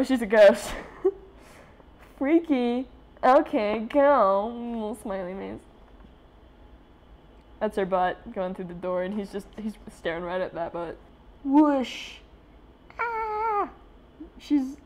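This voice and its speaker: A woman talks in a loose, rambling way, packing her sentences with fillers and breaking into laughs often. Her pitch sits in the middle range for a woman. It is a casual, off-the-cuff vlog commentary. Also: darkish tone, slight background noise. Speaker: vlogger.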